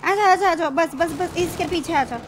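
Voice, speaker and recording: A woman with a high voice narrates her zombie match in a rush, exasperated and swearing. She keeps pleading with teammates who ignore her. Faint game gunfire runs underneath. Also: fairly quick, a little hiss or hum. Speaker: mobile game streamer. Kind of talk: frantic gameplay commentary.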